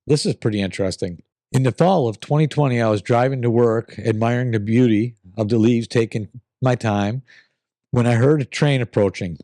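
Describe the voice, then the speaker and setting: A man with a mellow, raspy voice reads listener stories in a casual, earnest way. He sounds like he is getting over an illness, with a gravelly creak to his words. The sound is dry, with very little room around it. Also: medium pitch, dry recording. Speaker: host reading listener-submitted stories. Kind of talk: casual storytelling, reading letters aloud.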